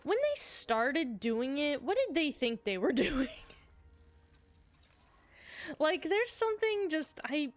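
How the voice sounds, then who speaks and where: A woman's voice: high-pitched, big pitch swings, unhurried. A woman giving casual, chatty commentary while streaming a game, with a playful way of talking.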